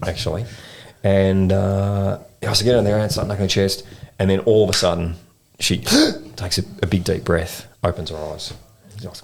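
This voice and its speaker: A low, gravelly Australian man spinning a rambling yarn on a podcast, slangy and animated. Faint noise sits under his voice. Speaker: podcast co-host. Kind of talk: casual storytelling chat. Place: in-person podcast recording.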